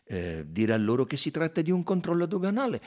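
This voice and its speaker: A man's voice: a little high, wildly swooping pitch, fairly quick, darkish tone, pitched above the performer's own voice. A man doing a sly, fussy little Belgian detective. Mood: puzzled, commanding. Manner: muttering, sly and insistent.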